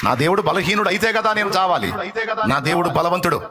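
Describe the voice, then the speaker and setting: A male pastor preaching a fiery live sermon, exhorting and rebuking with rapid repetitions. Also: high voice, a crowd in the background. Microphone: live-stream microphone.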